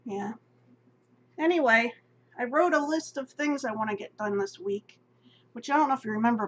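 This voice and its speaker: A middle-aged woman vlogging in a rambling, self-deprecating casual chat, often laughing. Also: fairly high pitch. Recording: dull lo-fi audio with faint hum.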